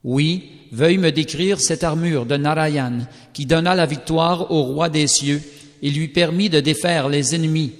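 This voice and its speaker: A man giving a measured, solemn scripted reading of a scripture text. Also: a little high. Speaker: scripture reader. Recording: long reverberant hall sound.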